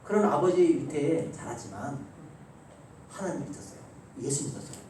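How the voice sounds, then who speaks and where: A male pastor preaching a Sunday sermon, telling stories with emphasis and swinging between loud and soft delivery. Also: on the high side, lively intonation, moderate pace, a little hiss or hum. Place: church sanctuary. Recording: very echoey church hall, voice from far off, faint ambience.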